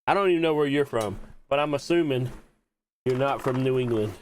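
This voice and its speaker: A man's voice: medium pitch, fairly quick, slight background noise. A man streaming a game, chatting casually and teasing his friends with joking, profane banter. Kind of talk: casual gaming stream chat.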